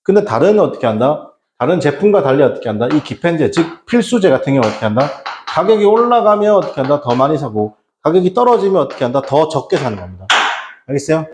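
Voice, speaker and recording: A man's voice: a little high, very animated, quick pace, a little mellow, reverberant, slight background noise. A man teaching English exam prep in Korean, asking rhetorical questions and answering them himself, with casual slang asides. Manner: rhetorical questions, repeats "어떻게 한다?".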